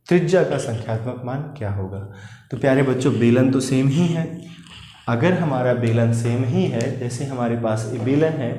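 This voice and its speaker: A man's voice: mid-range voice, dark tone, reverberant. A male maths teacher taking exam students through volume problems step by step. He often asks a question and then answers it himself, and keeps calling his students "children". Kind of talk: exam-prep maths lesson.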